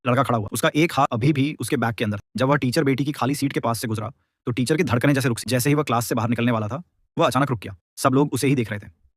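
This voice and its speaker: A man narrating a dramatic story in a rapid, tense scripted style. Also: mid-range voice, dry recording, studio quality.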